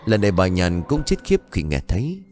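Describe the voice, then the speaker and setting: A man narrating a scripted horror story in a slow, suspenseful reading voice. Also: low-pitched, huge pitch swings, a little mellow. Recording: music bed behind the voice. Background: faint music.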